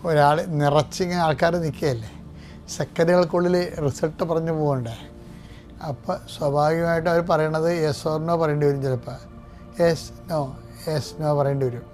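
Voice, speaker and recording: A man's voice: fairly high pitch, steady tone, normal speed, darkish tone, faint music behind. An older man, a priest, preaching a fervent sermon with emphatic stresses, leading scripture lines to repeat. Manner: leads congregation in repeating scripture line by line. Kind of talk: sermon with prayers.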